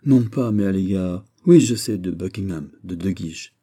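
A man reading aloud and voicing a coquettish princess who speaks softly and teasingly. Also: sits low, moderate pace, slightly rough. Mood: demure. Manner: soft, sly and calm.

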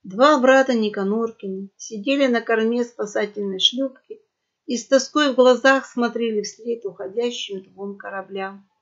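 A woman narrating a storybook in a lively, dramatic way, on a dull lo-fi recording. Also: fairly high pitch, normal speed. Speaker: audiobook narrator.

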